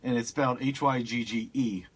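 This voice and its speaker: A man's voice: mid-range voice, fairly even intonation, normal speed, slightly rough. A man hosting a garden radio show who asks his guest chatty questions in a casual way.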